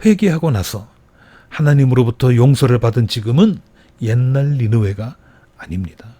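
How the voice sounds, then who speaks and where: A man's voice: mid-range voice, expressive, normal speed, mellow, no echo. A man preaching a Sunday sermon as pastor, telling a Bible story and acting out the quoted voices with rising emphasis. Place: church.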